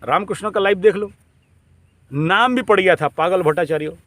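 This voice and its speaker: A man's voice: sits high, moderate pace, fairly bright tone, no echo. A man, a spiritual teacher, telling devotional stories in a casual, colloquial way and chuckling between lines.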